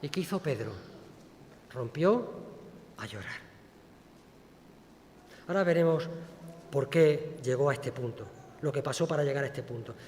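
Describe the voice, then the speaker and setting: A man's voice: mid-range voice, measured pace, pauses often, slight background noise. A man preaching a sermon, telling the story with feeling and acting out the voices of its people. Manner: expressive preaching, acts out quoted speech. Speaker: pastor. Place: church. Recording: church hall with long reverb.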